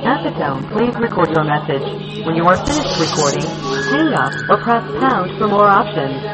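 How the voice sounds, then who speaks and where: An automated voicemail greeting, read in an even, formal prompt style. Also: medium pitch, normal speed, loud music behind the voice. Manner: even, formal announcer delivery. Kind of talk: recorded phone system prompt. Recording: dull lo-fi phone audio.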